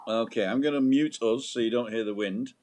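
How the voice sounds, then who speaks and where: A man's voice: mid-range voice, a little fast, crowd noise. A man hosting a live stream in casual, chatty style. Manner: joking, teasing banter. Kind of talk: casual chat. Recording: internal microphone outdoors in wind.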